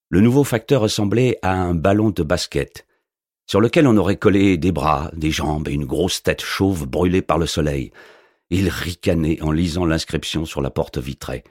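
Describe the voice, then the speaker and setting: A man narrating a first-person novel in a wry, unhurried manner on a close mic. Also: low voice, husky, no room sound. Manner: dry, wry, unhurried storytelling. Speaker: audiobook narrator.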